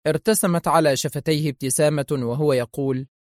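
Casting: male audiobook narrator, dramatic delivery, slightly high pitch. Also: fairly even intonation, brisk, dry recording, studio quality.

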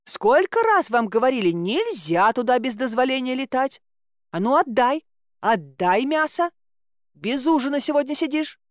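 A woman voicing a plump, bossy woman caretaker who scolds in a high, lively, folksy way. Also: normal speed, dry recording, clean studio sound. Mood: scolding.

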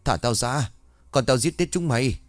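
A man's voice: medium pitch, normal speed, dry recording, voice pushed up, natural voice. A man voicing a possessed young man who snarls threats. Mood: raging.

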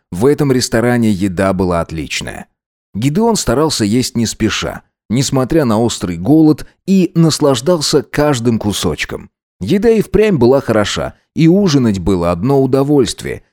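A man reading the narration of an audiobook in a steady, expressive storytelling voice. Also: medium pitch, moderate pace, no echo, clean studio sound.

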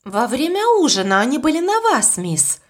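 A woman's voice: sits high, sing-song, normal speed, pitched above the performer's own voice. Clever young girl sleuth, read by a woman. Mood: calm. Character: plucky, calm young girl detective.

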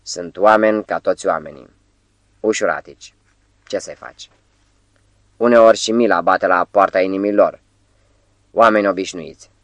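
A brooding master magician speaks slowly, meditative and sure of his command, as a man voices him for an audiobook. His voice sits low and dry, close to the mic. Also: dry recording. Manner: meditative, quiet authority.

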